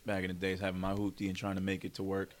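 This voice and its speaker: A man's voice: deep voice, completely flat delivery, racing. A man co-hosting a podcast in casual chat, laid-back and swearing freely as he talks. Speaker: podcast co-host.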